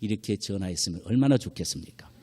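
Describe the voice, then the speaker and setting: A male pastor preaching a sermon, telling stories with swings from hushed near-whispers to loud exclamations. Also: lowish voice, animated, quick pace. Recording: long church hall reverb.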